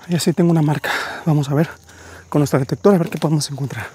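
A young man narrating his treasure hunt outdoors, eagerly talking to his viewers as friends, with a husky voice. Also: a little high, steady tone, very fast, mellow, a little hiss or hum. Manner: enthusiastic, addresses viewers as friends. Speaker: treasure-hunting vlogger. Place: wooded hillside outdoors. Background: crickets and insects.

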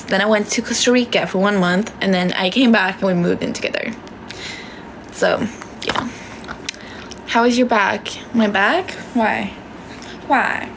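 A woman's voice: mid-range voice, a bit bright, slight background noise, poor audio. A young woman from Sweden with a Swedish accent, chatting casually on a phone livestream in a small bedroom, answering viewer comments and swearing freely. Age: young adult. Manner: chatty, swears casually, switches between languages. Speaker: livestream host. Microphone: phone held close.

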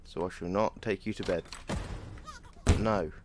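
A man's voice: low-pitched, steady tone, measured pace, background noise. A man streaming a horror game, reacting jumpily and swearing constantly as he plays. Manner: swears a lot, jumpy reactive outbursts. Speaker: gaming streamer. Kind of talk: horror game let's play commentary.

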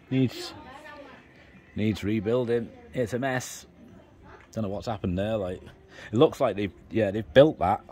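A man's voice: medium pitch, a little mellow. A man, talking casually as he films a tour of a small rented house, rambling and explaining as he goes. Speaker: travel vlogger giving a house tour. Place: outdoors on a house terrace and indoors in small rooms. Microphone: handheld phone camera.

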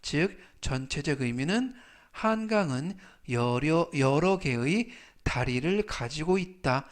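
Male vocab teacher, unhurried and careful, slightly higher voice, repeats each word. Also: lively intonation. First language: Korean. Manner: spells out pronunciation, repeats each word slowly. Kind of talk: slow explanatory vocabulary lesson.

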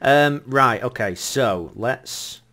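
A man's voice: medium pitch, lively intonation, slow pace, pushed and bright. A man chatting casually while playing a game with friends, teasing and laughing often. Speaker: gameplay commentator. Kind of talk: casual multiplayer game chat.

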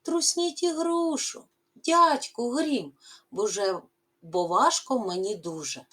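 A woman's voice: on the high side, takes it slowly, a bit bright, pitched above the performer's own voice. A woman voicing a pear tree in a children's poem, who pleads to be shaken because her fruit is heavy. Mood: pleading.

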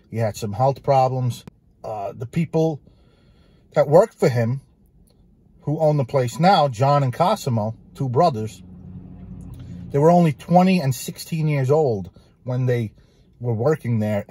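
A man with a somewhat husky, mid-pitched voice hosts a casual food review vlog. He talks eagerly and says his key phrases twice for emphasis. The sound is dry and close, with no room around it. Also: expressive, normal speed, dark tone, no room sound. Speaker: pizza reviewer and host.

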